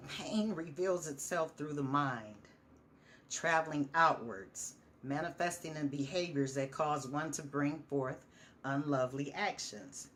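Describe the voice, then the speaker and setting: A woman's voice: sits low, measured pace, a little hiss or hum. A woman vlogger reading her own stories and inspirational writing aloud in a heartfelt, encouraging way, repeating phrases and sometimes stumbling on words. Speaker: storyteller and vlogger.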